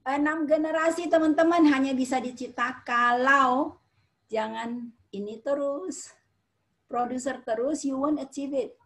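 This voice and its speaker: Middle-aged woman from medan doing a motivational talk, high voice, pushes hard then drops quiet, says things over and over. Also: a little slow. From Medan, Indonesia. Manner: emphatic, repetitive, shifts from loud to quiet. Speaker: motivational speaker.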